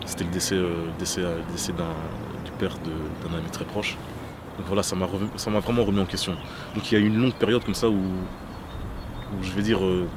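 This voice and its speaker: Deep, flat-voiced man, hesitant. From Congo. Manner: hesitant, many fillers and restarts. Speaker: interview guest. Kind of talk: testimony interview. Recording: loud background noise.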